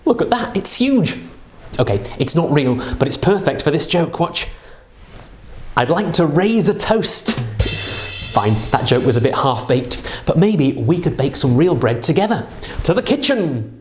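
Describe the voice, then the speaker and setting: Animated kids party magician, a man. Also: fairly high pitch, roomy sound, slight background noise. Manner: kids party magician patter, jokey and theatrical. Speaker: children's presenter and magician. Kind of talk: scripted children's Bible magic show.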